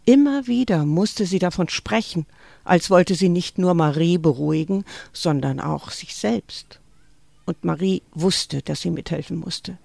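A woman's voice: lowish voice, creaky, no echo. A woman author who reads her novel aloud expressively and then answers questions in a thoughtful, hesitant way. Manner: expressive reading, thoughtful with fillers when talking.

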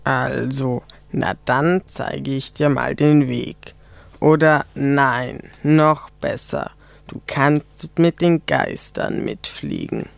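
A friendly talking pumpkin , played by a man, that speaks slowly in a gravelly voice. The sound is dry and close. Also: mid-range voice, sing-song, no room sound, heavily acted. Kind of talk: amateur radio play.

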